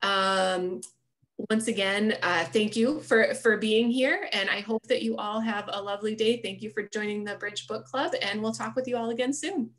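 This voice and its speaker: A woman's voice: mid-range voice, steady tone, moderate pace, fairly bright tone. An American woman in her thirties hosting an online book club in a polite, appreciative, conversational way. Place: small room at home, indoors. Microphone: video call computer microphone.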